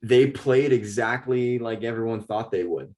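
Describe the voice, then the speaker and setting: A man's voice: mid-range voice, moderate pace. A young man co-hosting a sports podcast in casual chat, joking and getting worked up. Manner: joking, animated and exasperated. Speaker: podcast co-host. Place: in Ireland.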